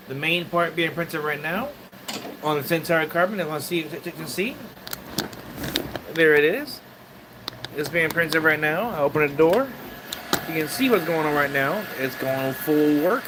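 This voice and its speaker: Man, livestream chat, rambling and halting, slightly high voice, steady hum of air conditioning behind. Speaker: 3D printing livestreamer. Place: home studio.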